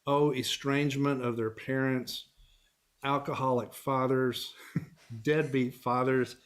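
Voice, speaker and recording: Middle-aged man from Texas, easygoing interview guest, mid-pitched voice. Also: steady tone, slow, smooth. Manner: easygoing storyteller, chuckles while talking. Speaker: guest, family law attorney and actor. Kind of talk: casual interview conversation.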